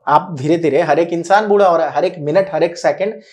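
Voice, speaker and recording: Patient male teacher checking understanding. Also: a little high. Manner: explains patiently, keeps checking that students follow; repeats key words slowly for emphasis. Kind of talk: recorded classroom-style lecture.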